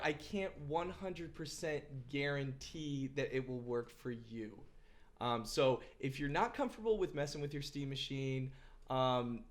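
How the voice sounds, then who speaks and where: A man narrating a casual step-by-step computer tutorial, chatty and reassuring, with frequent ums and uhs as he rambles through the steps. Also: a little high. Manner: reassuring, careful about disclaimers. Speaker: tech tutorial presenter.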